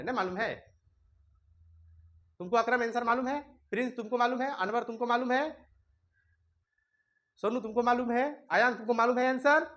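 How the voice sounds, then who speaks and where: A man's voice: very high-pitched, sharp tone. Guy teaching class, chatty and scolding the kids. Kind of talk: classroom lesson. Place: classroom with students.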